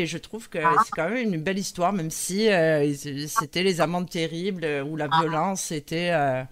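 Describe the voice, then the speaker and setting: A woman hosting a live radio talk show, speaking with frequent hesitations and fillers. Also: sits low. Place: radio studio.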